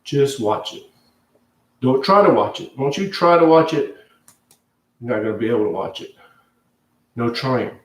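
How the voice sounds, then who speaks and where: A man teaching meditation in a loose, unscripted way, guiding slow breath counting in short, repeated phrases. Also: medium pitch, animated. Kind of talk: guided meditation instruction, loosely ad-libbed. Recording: echoey room, distant from mic.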